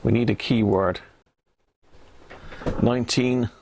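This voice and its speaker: The speaker is a British man running a relaxed CB radio livestream in an indoor radio room, thinking aloud, rambling and making pally asides to the people watching. He talks slowly in a steady, mid-range voice that's gravelly and darkish, over slight background noise.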